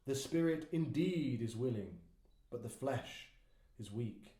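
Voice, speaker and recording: Solemn Jesus read by a man: measured, dark-toned, echoey. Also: mid-range voice, expressive. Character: Jesus, solemn grown male teacher. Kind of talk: dramatised Bible reading. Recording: echoey room.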